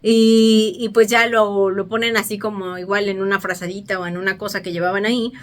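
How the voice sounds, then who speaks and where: A woman's voice: medium pitch, little pitch movement, fairly quick. A woman, casually retelling a film's story to her viewers, chatty and full of fillers and restarts. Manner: chatty, acts out dialogue, frequent fillers and restarts. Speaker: vlogger.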